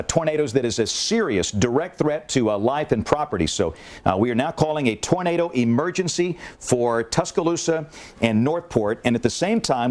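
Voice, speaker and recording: A man anchoring live severe weather coverage, urgent and deliberate, repeating key warnings. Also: mid-range voice, a little mellow.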